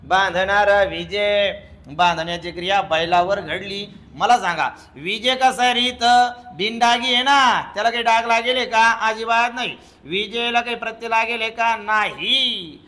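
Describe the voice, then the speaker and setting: A man's voice: high voice, steady tone, normal speed, pushed and bright. A man teaching a grammar lesson for exam students, drilling the rules in rhythmic repetition and playfully asking and answering his own questions.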